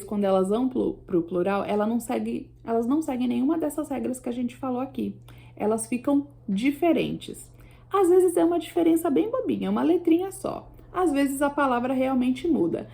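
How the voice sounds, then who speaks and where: A woman's voice: a little high, creaky, warm tone. A woman teacher explaining plural rules over slides, patiently checking in with her students. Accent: Brazilian Portuguese. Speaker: English teacher. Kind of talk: slide-based language lesson.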